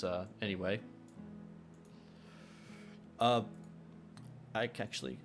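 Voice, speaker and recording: A man's voice: lowish voice, fairly bright tone. A young man streaming his game development work in a casual, rambling chat. He fills his talk with hesitations, tells jokes and reads chat questions aloud. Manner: rambling, full of filler sounds and restarts. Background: faint background music.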